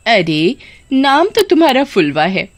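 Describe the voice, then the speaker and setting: Woman putting on a shrill, sneering spoiled girl. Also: big pitch swings, measured pace, no echo. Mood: mocking. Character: spoiled, mocking young woman.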